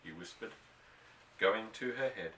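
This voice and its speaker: Reading a novel as scripted audiobook narration, a man uses dramatic, emphatic phrasing in a low, sharp-toned voice at a slightly slow pace. A distant microphone picks up roomy echo and slight background noise.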